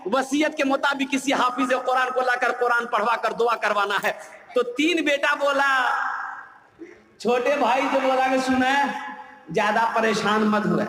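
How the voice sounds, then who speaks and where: A man preaching, telling a humorous story in a sermon and acting out the voices of its people. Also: extremely high pitch. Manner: animated, acts out voices, shouts at times.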